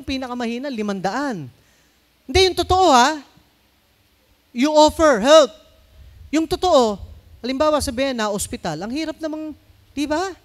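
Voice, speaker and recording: A middle-aged Filipino pastor delivers a sermon in a conversational style, slipping in English phrases and prompting the congregation to respond. His pitch is extremely high.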